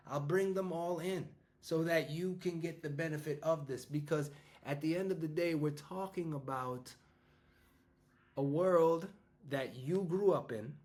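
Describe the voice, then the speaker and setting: Slightly high and a bit mellow, the voice belongs to a New York business coach and school founder aged about fifty. He talks to his audience in an offhand, meandering way, with many restarts and fillers.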